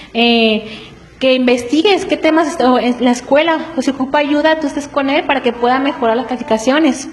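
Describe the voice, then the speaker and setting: A woman preaching to a congregation in an earnest, explanatory way, often checking in with quick rhetorical questions. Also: sits high, rough recording. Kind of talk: church teaching on family.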